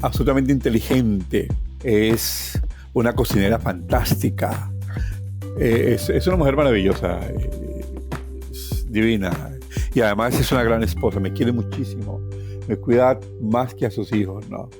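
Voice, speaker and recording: With music in the background, a middle-aged Colombian-accented man talks at a measured pace in a mid-range voice. He's a tour guide giving an interview, sharing personal stories with emphatic repetition and chatty tag questions.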